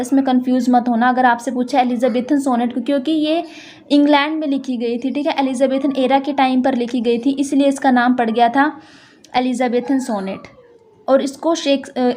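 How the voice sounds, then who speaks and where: Female literature teacher, high and soft-toned, slow read-alouds, frequent check-ins with the class. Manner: reads English text slowly, then explains in Hindi with frequent "theek hai". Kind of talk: classroom lecture.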